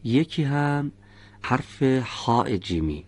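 A man teaching Quran recitation, patiently correcting his students' pronunciation and demonstrating each sound slowly. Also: mid-range voice, sing-song, husky. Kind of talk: patient classroom instruction.

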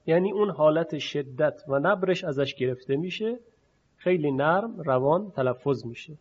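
A man teaching Quran recitation rules, explaining patiently and repeating sounds slowly to demonstrate them. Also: on the high side, animated, breathy edge. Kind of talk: explanatory lesson. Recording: dull lo-fi sound.

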